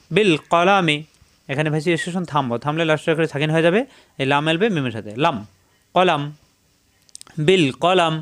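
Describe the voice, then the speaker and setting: A man teaching Quran reading, spelling each syllable slowly and then chanting the verse in a raised voice. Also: fairly high pitch, fairly bright tone, clean tone. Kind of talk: spelling-out recitation lesson.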